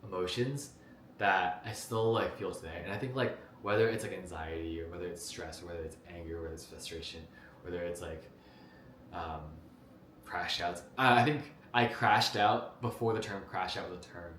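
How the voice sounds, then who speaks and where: A young man from New Jersey talks into a camera in a loose, rambling way, full of fillers and restarts. His voice sits very low. The room rings with echo, and a faint hiss lies underneath. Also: steady tone, moderate pace, fairly bright tone. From New Jersey, United States. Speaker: vlogger. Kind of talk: casual talk to camera about his life. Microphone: camera mic.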